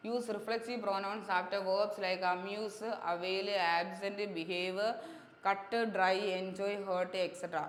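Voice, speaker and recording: A woman English grammar teacher, drilling points over and over and checking understanding with quick questions. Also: mid-range voice, flat delivery. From Kerala, India. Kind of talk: exam-prep grammar lesson. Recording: echoey room with long reverb, faint hiss.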